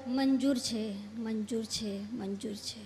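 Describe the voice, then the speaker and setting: A woman as the bride, slowly repeating her assent to wedding vows. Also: on the high side, fairly even intonation, darkish tone. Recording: long hall reverb.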